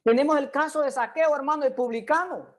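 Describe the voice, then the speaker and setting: High-voiced woman preaching a sermon. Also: brisk. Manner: earnest, addresses listeners directly with questions.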